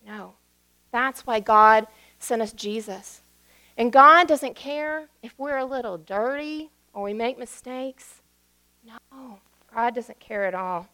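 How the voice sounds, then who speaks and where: A woman pastor giving a children's sermon in a gentle, playful way, sometimes dropping to a soft near-whisper. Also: a little high, takes it slowly. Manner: gentle, playful, talks down to kids' level.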